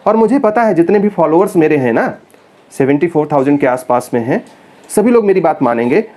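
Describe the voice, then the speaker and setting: A male teacher with a fairly high but mellow, warm voice talks straight to his students. He is earnest and persuasive and keeps calling them children as he makes his case. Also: expressive, fairly quick. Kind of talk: casual direct-to-camera talk to students.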